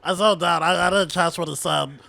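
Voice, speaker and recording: Male tabletop player, higher pitch, sharp bright tone, creaky, casual. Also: fairly even intonation, brisk, no echo. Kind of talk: casual tabletop game chat.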